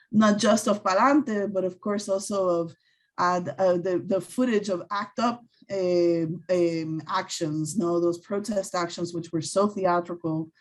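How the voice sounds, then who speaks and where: A woman's voice: on the low side, rough recording. A woman speaking on a panel discussion, thoughtful and searching for words, with many fillers and restarts. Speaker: scholar on a panel. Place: event venue.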